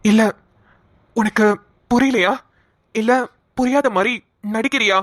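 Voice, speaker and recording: A woman's voice: on the high side, no room sound, studio quality. A woman voicing a young man, a shy childhood friend who hesitantly confesses his love. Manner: hesitant, halting speech.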